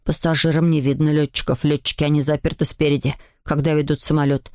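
A woman's voice: low voice, flat delivery, fast, a little mellow, no echo, studio quality, voice pushed down, natural voice. A woman reading aloud voices a skeptical know-it-all schoolboy who explains things matter-of-factly. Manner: lecturing, matter-of-fact.

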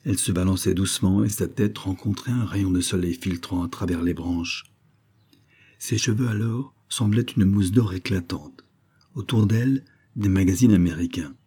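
A man reading an audiobook as narrator in a measured, softly expressive way. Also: sits low, breathy edge.

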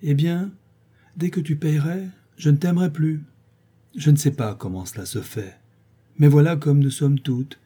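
A man's voice: on the high side, unhurried, dark tone, slightly rough, voice pushed up. Man voicing a teasing young woman dancer. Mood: chiding. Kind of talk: audiobook character voice.

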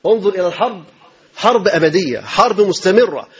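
A male preacher with an Egyptian accent delivers his sermon at a quick clip, his voice pitched high. He stacks up rhetorical questions and hammers phrases twice, and there is a husky edge to his voice. The recording sounds dull and lo-fi. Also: expressive. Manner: emphatic, rapid rhetorical questions and repeated phrases.

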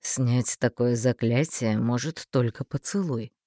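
Woman narrator plays unflappable sardonic man, deep put-on register, dry studio read. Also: measured pace, mellow, dry recording. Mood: musing. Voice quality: low, dry, mocking. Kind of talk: audiobook character voicing.

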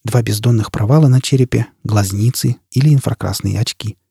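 A man narrating an audiobook in a measured, even reading. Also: fairly low pitch, gravelly, husky, no echo, studio quality. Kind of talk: scripted narration.

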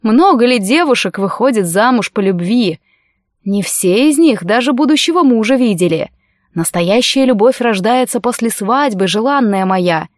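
A woman reading an audiobook, voicing a scheming young male sorcerer who speaks in a soft, coaxing, insinuating way. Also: on the high side, expressive, moderate pace, no room sound, clean studio sound, lightly acted.

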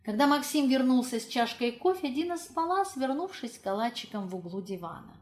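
A woman narrating a literary audiobook in a measured, expressive storytelling manner. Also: high-pitched.

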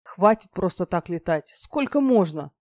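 A woman's voice: mid-range voice, brisk, warm tone, no echo, lightly acted. A woman voicing an immortal male dragon rector who scolds and then coaxes with sly bargaining. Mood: scolding.

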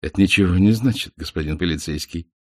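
A man's voice: on the low side, very animated, a little fast, dry recording, clean studio sound. A man voicing a jovial swindler who talks cocky and smirking, in an audiobook. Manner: cocky and mocking.

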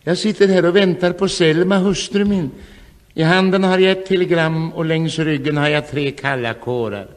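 A man in his fifties delivering a scripted comic monologue. He tells the story in a wry, deadpan way. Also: fairly high pitch, in a large hall.

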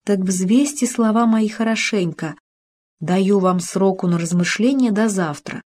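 A woman's voice: mid-range voice, a little slow, darkish tone, close to an everyday voice. A woman voicing a proud young noblewoman in an audiobook, reading her lines in an earnest, reproachful manner. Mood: thoughtful.

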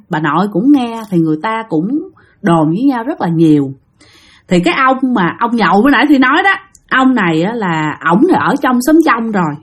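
A woman with a Southern Vietnamese accent telling a ghost story in a chatty way, talking straight to her listeners. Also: a little high. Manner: chatty, addressing listeners directly, acting out voices.

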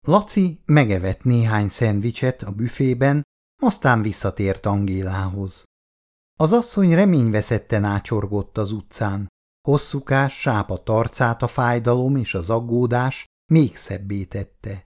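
A man reading a novel aloud, narrating and voicing all the characters. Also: mid-range voice. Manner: expressive storytelling. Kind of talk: audiobook reading.

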